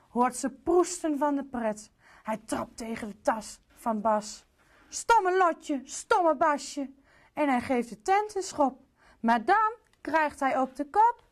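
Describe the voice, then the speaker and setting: A woman reading a rhyming picture book aloud to children in an expressive, sing-song way. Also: high voice. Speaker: storyteller.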